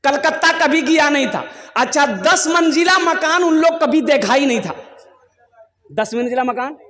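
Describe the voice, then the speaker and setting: High-voiced preacher in an echoing hall. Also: male voice, lively intonation, a little slow. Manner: storytelling with jokes, scolds the crowd. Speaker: Islamic preacher. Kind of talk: humorous sermon at a religious gathering. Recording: echoey hall with long reverb.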